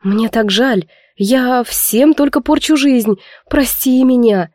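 A woman voicing a weepy, heartbroken young noblewoman in an audiobook, speaking in a high, pleading, tearful voice. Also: moderate pace, a little mellow, no room sound, studio quality, lightly acted. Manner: sobbing, pleading, high-pitched. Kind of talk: audiobook character voice.

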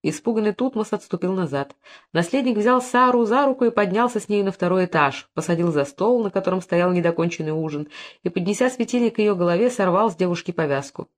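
A woman narrating a historical novel as an audiobook, with expressive reading. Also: mid-range voice, quick pace.

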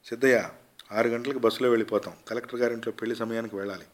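A man's voice: mid-range voice, steady tone, racing, close to an everyday voice. A man voicing an impatient, bossy middle-aged uncle in a read-aloud story, speaking curtly and scolding. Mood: questioning. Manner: curt, scolding.

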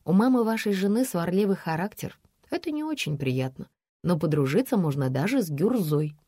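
A woman narrating a storybook in the first person with a lively, wry delivery. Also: on the low side, moderate pace, a little hiss or hum. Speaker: audiobook narrator.

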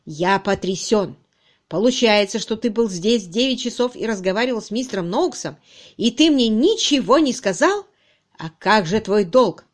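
A woman reading an audiobook, voicing an angry male police inspector who shouts and scolds his subordinate. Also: on the high side, fairly quick, natural voice. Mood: furious.

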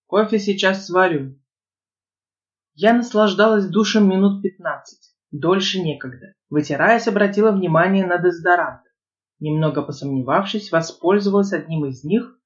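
A woman reading a first-person novel aloud as an audiobook narrator, in a lively, expressive storytelling manner. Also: on the low side, lo-fi sound.

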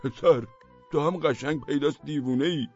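A man voicing a grandiose, defiant madman ranting from a rooftop, loud and bossy, laughing between his shouts. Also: close to an everyday voice. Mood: mocking. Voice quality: loud shouting, high strained voice. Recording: dull, dry, with faint music.

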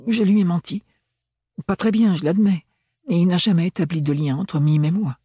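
A man's voice: sits high, normal speed, slightly rough, dry recording, voice pushed up. A man doing an indignant young woman. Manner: sharp, indignant. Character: exasperated young woman in glasses.

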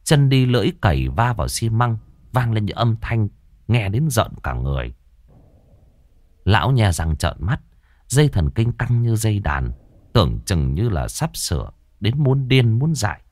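Expressive male horror storyteller. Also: fairly low pitch, normal speed, no echo, studio quality. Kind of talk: dramatic horror story narration.

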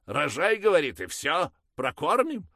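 A man voicing a harsh, pious peasant mother who rants in a high screeching voice. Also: sing-song, unhurried, gravelly, bright, forceful tone, dry recording, clean studio sound, exaggerated voice. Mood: ranting. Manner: screeching, ranting.

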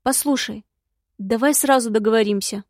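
A woman voicing a spirited young heroine in an audiobook, brisk and insistent. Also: on the high side, a little mellow, no room sound, clean studio sound, lightly acted. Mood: pressing.

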